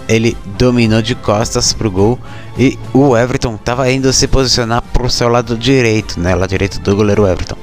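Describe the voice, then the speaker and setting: Low-voiced Brazilian man hosting over music. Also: darkish tone. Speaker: sports show host. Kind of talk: casual football news commentary.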